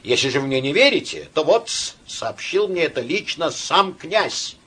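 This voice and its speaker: A man's voice: on the high side, expressive, normal speed, sharp tone, husky, voice pushed up, full character voice. Man doing a boastful young officer. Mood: eager boasting. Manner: eager, self-important, hesitating with fillers.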